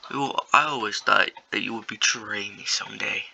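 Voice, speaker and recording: Cold alien tyrant played by a man, hushed slow sneer, gravelly, sharp edge. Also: fairly low pitch, a little hiss or hum, full character voice.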